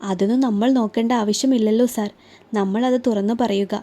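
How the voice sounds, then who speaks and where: A woman playing a shy, soft-spoken young woman. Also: on the high side, steady tone, normal speed, natural voice. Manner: soft, hesitant.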